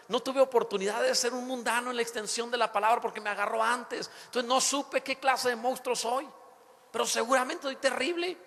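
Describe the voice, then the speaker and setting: A man preaching a sermon to his congregation, lively and theatrical, acting out the voices he quotes and breaking into sudden shouts. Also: very high voice. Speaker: pastor. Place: church sanctuary. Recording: long hall reverb in a church.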